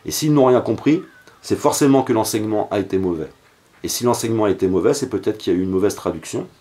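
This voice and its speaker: A man with a fairly low voice speaks straight to his audience in an earnest, pleading monologue. He stumbles often, filling gaps with hesitations and starting sentences over as he presses his point. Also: darkish tone. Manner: hesitant, frequent fillers and restarts. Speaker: video channel host. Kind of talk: direct-to-camera monologue.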